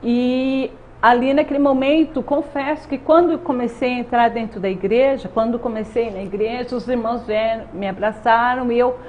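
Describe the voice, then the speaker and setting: A woman's voice: a little high, fairly even intonation, normal speed, hardly any pauses, a little mellow. A woman in her thirties with a Brazilian accent, giving an earnest faith testimony as an interview guest and often adding "né?". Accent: Brazilian Portuguese. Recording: dull lo-fi sound with faint noise.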